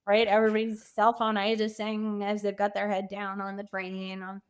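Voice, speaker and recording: This clean-toned woman's voice sits at medium pitch and moves at normal speed, though her delivery is completely flat. An author and coach appearing as a podcast guest, she chats informally, sharing anecdotes and voicing quotes to make her points.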